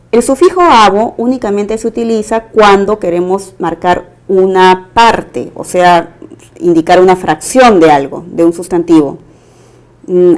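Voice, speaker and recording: A woman's voice: lowish voice, darkish tone. A woman teaching a recorded grammar lesson, going through exam questions one by one and explaining each choice step by step. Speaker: language teacher.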